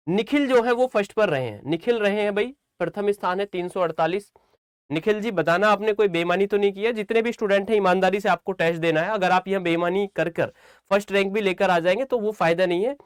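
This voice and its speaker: A man with a high, clear, resonant voice teaches students in a relaxed, coaching style, repeating phrases for emphasis and often checking that they're following along. The recording is dry and studio-clean.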